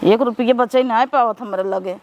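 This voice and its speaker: A woman's voice: fairly high pitch, normal speed, noisy background, close to an everyday voice. A woman with an Awadhi accent playing a rustic mother who teases and scolds her married daughter in a comedy sketch. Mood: teasing. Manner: scolding, sarcastic. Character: rustic mother, sharp-tongued and teasing.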